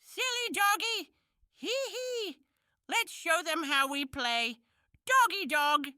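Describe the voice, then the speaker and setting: A woman voicing a cheerful young male kitten in a preschool cartoon, talking slowly and sing-song to small children. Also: very high-pitched, expressive, pushed and bright, no echo, clean studio sound, heavily acted.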